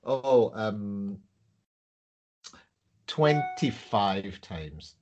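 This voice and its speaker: A man's voice: on the low side, big pitch swings, very slow, darkish tone. A British man co-hosting a podcast in casual, jokey, self-deprecating banter. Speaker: podcast co-host.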